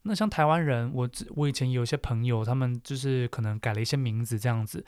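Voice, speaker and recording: A man's voice: mid-range voice, quick pace, a little mellow, clean tone, dry recording, clean studio sound. A man chatting casually as a host, thinking aloud with many fillers and restarts. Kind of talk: casual solo chat explaining Japanese names.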